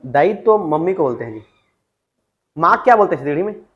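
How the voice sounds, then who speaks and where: A man's voice: a little high, lively intonation, fast talker, lo-fi sound. A male teacher giving a classroom lecture, dictating words, repeating them and asking the class questions. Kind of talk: classroom lecture on Chhattisgarhi vocabulary.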